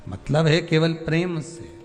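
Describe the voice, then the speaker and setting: A man's voice: a little high, fairly even intonation, measured pace. Impassioned preacher man in a reverberant hall. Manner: impassioned pleading, swinging from loud to soft. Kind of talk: devotional sermon. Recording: long hall reverb with faint music.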